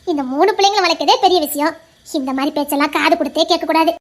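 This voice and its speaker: A woman's voice: high voice, fast talker, lightly acted. An actress playing an affectionate young village wife who reassures her family with fond chuckles, speaking with a Tirunelveli accent. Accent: Tirunelveli Tamil. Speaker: actress in a family web drama. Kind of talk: village family drama acting.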